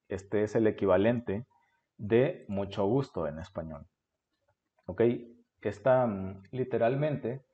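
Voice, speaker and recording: A Honduran man in his forties, a Japanese teacher with a Honduran Spanish accent, patiently walks through a beginner language lesson and frequently checks in with "ok?" His voice is on the low side and slightly mellow, and the audio sounds dull.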